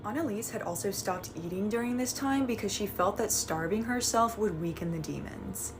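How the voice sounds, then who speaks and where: A woman's voice: mid-range voice, normal speed, noisy background. A woman reading a scripted true-story narration, with a conversational touch.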